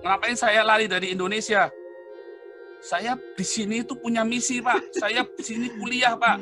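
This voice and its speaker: A man's voice: sits high, level tone, moderate pace, pushed and bright. A man arguing in a heated live debate, mocking and constantly interrupting, with music running under the voice. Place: abroad, outside his home country. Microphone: live stream.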